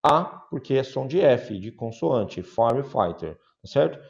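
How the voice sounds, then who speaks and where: A Brazilian man teaching an English grammar lesson. He models the example sentences slowly and carefully, repeats them for drilling, and keeps checking that his students follow. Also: medium pitch, animated, vocal fry, lo-fi sound. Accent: Brazilian Portuguese. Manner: repetitive drilling with frequent check-ins.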